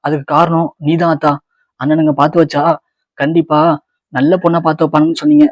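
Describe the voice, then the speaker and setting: A man's voice: fairly high pitch, flat delivery, quick pace, no room sound, muffled recording, lightly acted. A man voicing an angry, humiliated young husband, bitter and accusing.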